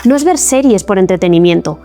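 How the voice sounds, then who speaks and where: Woman, English teacher, scripted video lesson, clear and encouraging, faint music behind. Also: mid-range voice, animated, a little fast, dark tone.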